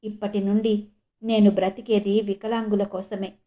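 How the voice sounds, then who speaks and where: A woman's voice: medium pitch, little pitch movement, moderate pace, dark tone, close to an everyday voice. A woman voicing a proud man who has regained his ability to walk, speaking in an earnest, reflective way.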